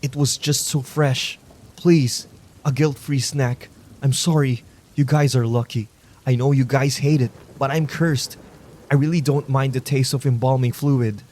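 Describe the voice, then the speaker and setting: A sickly, guilt-ridden fat cannibal, as a male narrator puts him on pleads in a queasy, strained, higher voice. He sounds close to retching, set inside a spoken horror tale. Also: steady tone, unhurried, a little mellow, lightly acted. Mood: confessing.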